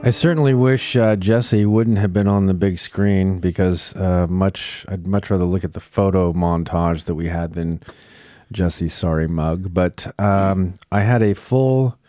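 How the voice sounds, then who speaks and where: A man's voice: deep voice, a little slow, dark tone, dry recording, faint music behind. A man from Oregon hosting a casual group podcast, joking and teasing his friends. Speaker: podcast host.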